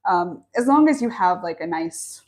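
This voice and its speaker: A young woman with a fairly low, slightly mellow voice hosts a live online lesson from a small office at a bamboo factory, speaking animatedly at normal speed. As online coordinator and stream host, she gives a friendly introduction and craft tutorial, chatty and upbeat, reading viewer comments aloud between explaining the supplies.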